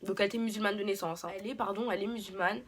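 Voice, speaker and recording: A woman's voice: medium pitch, fairly even intonation, racing, a crowd in the background. A young woman telling a personal story unscripted in a vlog, hesitant, with many fillers and restarts. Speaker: beauty vlogger.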